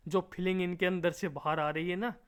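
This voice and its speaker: A man's voice: high-pitched, steady tone, a little fast, smooth. A man giving silly, comic gameplay commentary, chanting rhymes and repeated words and scolding the game playfully.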